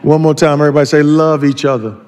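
A man's voice: a little high, steady tone, fast, a little mellow. A man pastor preaching a sermon, leading the congregation in call-and-response and breaking into joking asides.

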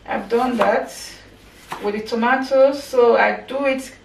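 A cooking vlogger in her thirties narrates slowly in a steady, fairly high voice with vocal fry. She's chatty and keeps talking as she chops and cooks at home. Because the camera mic sits across the echoey kitchen, she sounds distant, with noise in the background.

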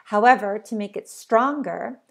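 A woman's voice: mid-range voice, measured pace, creaky. A woman giving a recorded online lecture as a college English instructor, explaining in an unscripted way with many ums and uhs.

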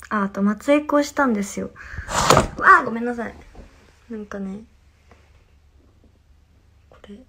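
A woman's voice: fairly high pitch, gravelly. A young woman in her twenties from Fukuoka with a Hakata dialect accent, chatting casually on a phone livestream while reading fan comments. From Fukuoka, Japan. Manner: chatty, reacts to comments, drifts into soft whispers. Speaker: idol livestreaming to fans.

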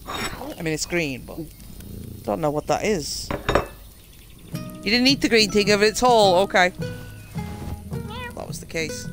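A British streamer rambles through a live playthrough in loose, unscripted chat, swearing freely along the way. Clear game music plays underneath the voice. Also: medium pitch, animated, unhurried, pauses often. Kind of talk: casual live-stream commentary.

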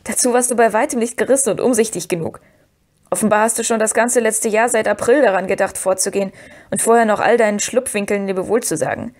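A woman reading the part of Pippin, a cheeky young male hobbit with a teasing, lively way of talking. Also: medium pitch, quick pace, close to an everyday voice.

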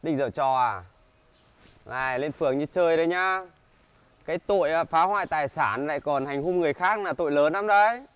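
A young man, acting a gruff, threatening car owner in a comedy sketch. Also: on the high side, no room sound, lo-fi sound, close to an everyday voice. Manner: gruff, threatening, quick to shout. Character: tough-faced man, menacing bully of a car owner.

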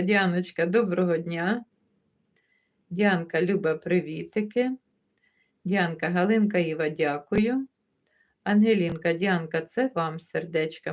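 A woman's voice: fairly low pitch, highs cut off. A woman hosting a livestream in casual chat, reading out viewer comments and greeting viewers by name. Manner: chatty, warmly greets viewers by name one after another; easygoing, laughs as she talks. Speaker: livestream host.

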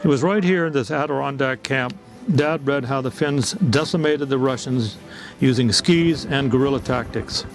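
A man in an interview recounts his father's story in a steady manner. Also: medium pitch, normal speed, faint music behind. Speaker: interviewee, son of the founder. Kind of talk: interview recollection.

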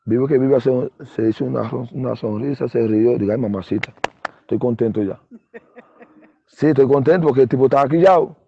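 Animated Dominican man telling a story. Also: medium pitch, fast, vocal fry, hardly any pauses. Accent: Dominican Spanish. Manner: animated storyteller, acts out other people's lines in a raised voice. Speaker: interview guest, former baseball player. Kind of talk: casual storytelling interview. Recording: dull, muffled dry sound.

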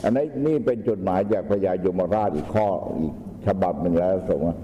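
Older man, Buddhist monk, dharma talk, loud, teasing, low voice, faint noise behind. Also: lively intonation, fairly quick, in a large hall, dull audio. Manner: loud, plain-spoken and teasing. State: hard of hearing. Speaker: Buddhist monk answering questions. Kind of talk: dharma talk with questions and answers.

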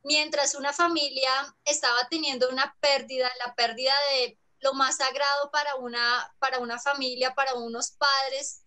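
A woman interviewing a guest, speaking in a measured way with storytelling transitions. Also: sits high, bright, forceful tone. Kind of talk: formal interview questioning.

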